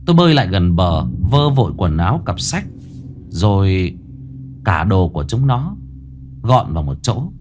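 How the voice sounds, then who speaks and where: A man narrating a ghost story in a tense, expressive storytelling manner. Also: sits low, normal speed, long pauses, noisy background.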